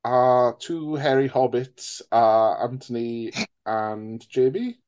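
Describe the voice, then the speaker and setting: A man's voice: medium pitch, slow pace, a little mellow, muffled recording. A man co-hosting a casual film podcast, jokey and sweary, rambling through his points. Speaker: podcast co-host. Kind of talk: casual chat.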